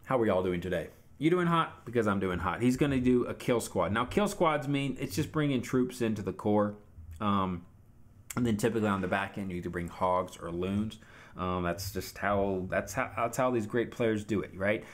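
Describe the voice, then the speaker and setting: A man's voice: fairly low pitch, moderate pace. A man giving casual commentary on a video game recap, coaching viewers directly in a chatty tone.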